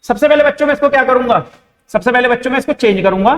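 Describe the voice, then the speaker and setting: Young Indian man, high voice, math teacher who asks questions and answers them himself, recorded in a reverberant room. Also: racing, fairly bright tone. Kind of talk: board-exam math lesson. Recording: echoey room with long reverb.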